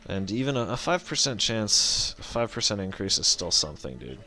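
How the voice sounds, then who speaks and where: A man's voice: fairly low pitch, big pitch swings, brisk, bright, forceful tone, faint music behind. A man giving casual gameplay commentary as a let's play host, rambling, correcting himself and swearing offhand as he thinks aloud.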